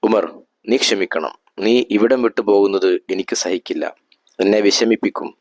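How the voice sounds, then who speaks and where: A man's voice: fairly low pitch, moderate pace, darkish tone, no echo. A man voicing a proud, hot-tempered caliph in a spoken history story, commanding at times and pleading at others.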